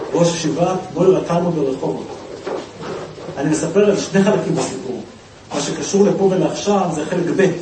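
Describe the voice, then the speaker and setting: A man giving a storytelling talk, acting out the voices of the people he quotes. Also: on the high side. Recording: echoey room, distant mic, faint noise.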